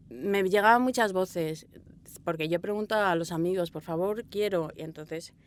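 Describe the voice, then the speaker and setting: In a small sound booth, an audio drama director from Spain chats informally in a slightly low voice with a Castilian accent. Her interview answers are anecdotal and meandering, delivered expressively, and she performs the dialogue she quotes.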